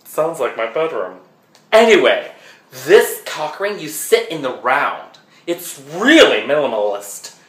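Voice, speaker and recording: A man's voice: on the high side, big pitch swings, measured pace. Man doing a rambling, flamboyant Broadway fan. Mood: chatty. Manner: rambling, sidetracked, filler-heavy with "like". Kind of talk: comedic character monologue. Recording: roomy echo.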